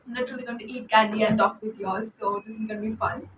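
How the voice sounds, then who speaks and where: A young woman with an Indian accent chats loosely and excitedly about a film series, often restarting her sentences. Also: on the high side, fast talker, a little hiss or hum. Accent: Indian English. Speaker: book vlogger. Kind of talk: unscripted fan commentary. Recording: echoey room, distant mic.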